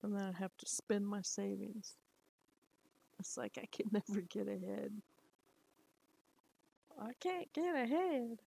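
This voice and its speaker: A woman's voice: medium pitch, flat delivery, normal speed, gravelly, mellow, slightly rough, rough recording. A middle-aged woman chatting casually to camera at home, rambling and laughing often. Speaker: lifestyle vlogger. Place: at home, indoors.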